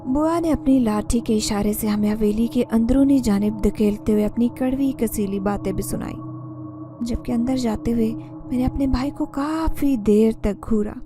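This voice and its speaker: A woman's voice: a little high, moderate pace, music in the background. A woman narrating a dramatic horror story in the first person.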